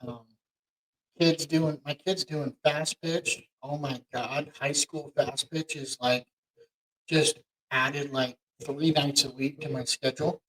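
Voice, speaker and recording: Middle-aged male podcast co-host, somewhat high voice, casual and halting. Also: steady tone, a bit bright, low-quality recording. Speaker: podcast co-host, mortgage lender.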